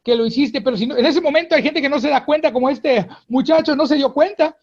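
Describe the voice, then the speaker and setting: A man with a Mexican accent, a pastor speaking as a radio guest, preaching in an earnest, halting way that often repeats words. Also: very high-pitched, highs cut off.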